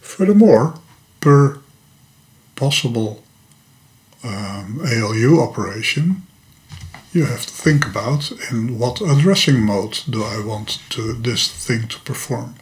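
Speaking slowly at a medium pitch with lively intonation, an older man with a Dutch accent, Dutch being his native language, teaches a computer topic. The setting is a screen-recorded programming tutorial made at his desk in a home workshop room stocked with electronics, where this hobbyist teacher explains things patiently and methodically, sometimes tripping over words.

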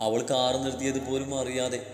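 A man narrating a romantic story as a storyteller, in a calm, steady reading. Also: mid-range voice, brisk. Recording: echoey room with long reverb, faint music.

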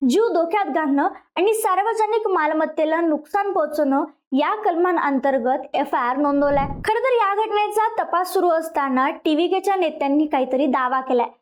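A woman's voice: high voice, normal speed, few pauses. A woman with a Marathi accent presenting a news explainer, walking viewers through events and speaking to them directly.

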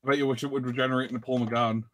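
A man's voice: mid-range voice, flat delivery, racing, fairly bright tone, no echo. A young man chatting casually with a friend while gaming, laughing often. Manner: giggly, bouncy, laughs often. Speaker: co-host.

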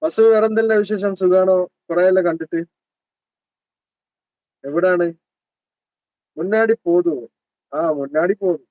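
A man's voice: high voice, measured pace, pauses often, dark tone, no echo. A man in his thirties with a Malabar Malayalam accent hosts a live stream, chatting and teasing as he greets viewers by name. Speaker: livestream host. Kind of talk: casual live chat reading comments. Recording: dull lo-fi dry sound.

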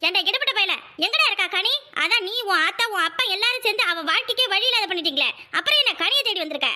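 A woman's voice: very high-pitched, animated, fast, pushed and bright, heavily acted. A woman voicing an older village mother in a cartoon, frightened for her daughter and fierce toward the family she blames, in a southern Tamil Nadu dialect. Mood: furious. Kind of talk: cartoon voice acting.

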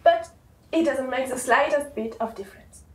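Woman acting prim wounded girlfriend, icy politeness, fairly high voice, echoey room, faint hum. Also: normal speed, lightly acted. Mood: icily polite. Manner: icily polite, passive-aggressive, sarcastic self-pity. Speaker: actress in a short film. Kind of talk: film dialogue, naturalistic acting. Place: living room of a home. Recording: roomy room echo, faint background hum.

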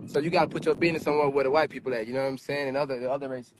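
A man's voice: mid-range voice, steady tone, racing. A young man chatting loosely into his phone outdoors by a car, rambling and cursing casually. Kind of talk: casual livestream chat. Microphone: phone camera. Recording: played-back phone video with street noise.

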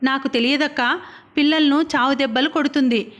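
A woman's voice: high voice, a little fast, lo-fi sound. A woman reading an audiobook, voicing a playful, witty young woman. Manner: lively, teasing.

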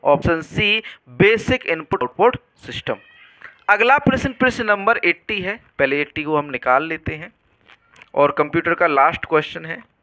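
A man's voice: on the high side, normal speed, sharp tone. A man teaching an exam-prep lesson, quizzing students and repeating each question and answer back to them.

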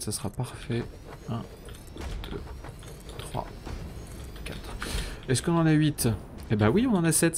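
A man with a mid-range, somewhat dark voice streams a factory-building game over slight background noise. He thinks aloud as he builds, counts under his breath, and drifts into mock-grandiose, self-ironic banter in casual live-stream commentary.

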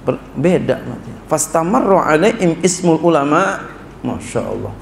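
Male preacher, gravelly tone, echoey room with a faint hum, colloquial lecturing style. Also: fairly high pitch. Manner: reads Arabic slowly then explains in colloquial speech, rising to animated scolding. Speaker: kyai teaching a classical text. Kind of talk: sermon-style kitab lesson.

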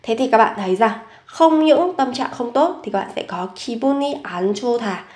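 A woman teaching a grammar lesson, explaining example sentences slowly and carefully and reading model sentences aloud more quickly. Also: on the high side, animated, darkish tone, echoey room. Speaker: Korean language teacher.

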